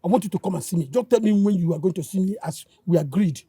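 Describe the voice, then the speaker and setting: A husky, aggrieved Nigerian husband. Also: male voice, sits high, fast talker, mellow, dry recording, exaggerated voice. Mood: accusing. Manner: stammering, accusing. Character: aggrieved married man cheated of money.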